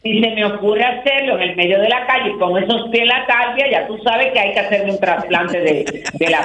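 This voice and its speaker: A man co-hosting a radio talk show, talking in a theatrical, exclaiming way with big swoops in pitch. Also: fairly quick, bright, forceful tone. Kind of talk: casual studio banter. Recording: roomy, dull sound with faint noise.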